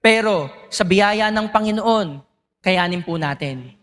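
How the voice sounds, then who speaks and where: A man's voice: high-pitched, slow pace, a bit bright, in a large hall. A male preacher giving a sermon in church, often asking the congregation questions. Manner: engaging, asks the congregation questions.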